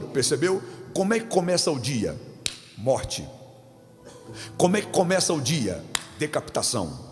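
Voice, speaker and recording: A man preaching a dramatic Pentecostal sermon as pastor, with a Brazilian Portuguese accent, calling out to the congregation. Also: fairly high pitch. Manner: dramatic, calls out to congregation, bursts of shouting. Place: large church hall. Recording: church hall reverb with music.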